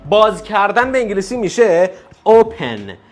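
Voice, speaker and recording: A man with a Persian accent teaches English in a relaxed, chatty way and slowly repeats the English phrases. His voice sits high for a man. Faint music plays behind him. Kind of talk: casual lesson on English for the bank.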